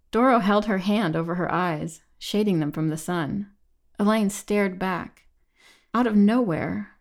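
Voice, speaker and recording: Gravelly-voiced woman narrating a novel. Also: mid-range voice, darkish tone. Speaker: audiobook narrator. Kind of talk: scripted audiobook narration.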